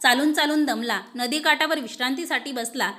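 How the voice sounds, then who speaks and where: A woman's voice: sits high, fairly quick, sharp tone. A woman with a Marathi accent narrating a devotional folk tale, reading the characters' lines expressively. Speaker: storyteller.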